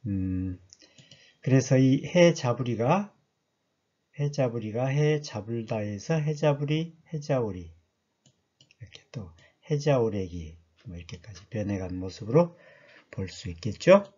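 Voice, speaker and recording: A man's voice: medium pitch, animated, a little slow, dark tone, husky, lo-fi sound. A man giving a chatty lecture that explains dialect words, often asking his listeners questions.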